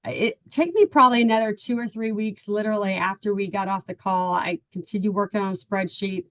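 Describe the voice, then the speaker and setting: Talking fairly quickly at a medium pitch, this middle-aged woman from Texas earnestly recounts her story as an interview guest, sprinkling in ums and "right?". She's a baseball player's parent and a client guest, heard on a dry recording.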